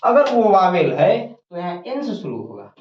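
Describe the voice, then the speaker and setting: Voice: medium pitch, big pitch swings, measured pace. A teacher giving a grammar lesson at a board, repeating each point and asking and answering questions. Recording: roomy, dull lo-fi recording.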